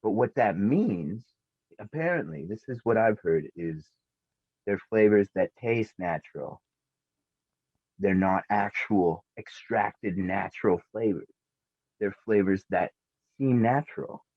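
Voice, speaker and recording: A man's voice: fairly low pitch, lively intonation, takes it slowly, no echo. A male musician guest chatting casually in an interview, rambling and laid-back with plenty of fillers. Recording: tinny phone-like remote audio.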